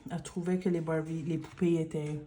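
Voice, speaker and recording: A woman with a Quebec French accent, speaking in a hushed library-like murmur in soft-spoken ASMR style and mixing in English words. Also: low-pitched, little pitch movement, brisk, slight background noise. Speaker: ASMR creator.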